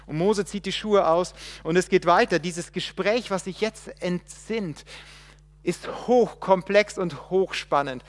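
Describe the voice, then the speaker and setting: A man preaching a sermon, shifting between loud emphatic quotations and quiet, reflective passages, with hesitations as he looks up verses. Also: high-pitched, long reverb tail. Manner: restarts and hesitates while looking up verses.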